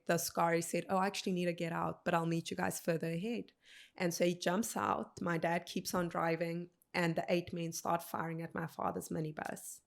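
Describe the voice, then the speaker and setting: A woman in her thirties from South Africa, a podcast guest telling a personal story in an earnest, measured way, quoting what people said. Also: lowish voice, creaky. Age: 30s.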